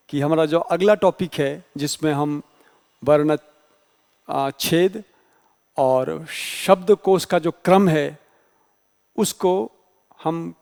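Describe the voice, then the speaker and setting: High-voiced man teaching grammar, echoey room. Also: a little mellow. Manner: explanatory, spells out letters slowly. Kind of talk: exam-prep Hindi grammar lecture.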